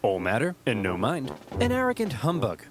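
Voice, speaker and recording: A man narrating a scripted comic history in an animated storytelling way. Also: medium pitch, normal speed, over music. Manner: animated storytelling with acted-out quotes.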